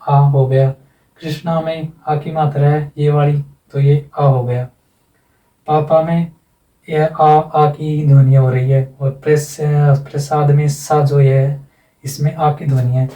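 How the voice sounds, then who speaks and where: A man's voice: fairly high pitch, little pitch movement, slow pace, warm tone. A male teacher giving an exam-prep lesson, patiently explaining and repeating himself, stretching out the example sounds he demonstrates. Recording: echoey room, mic at a distance.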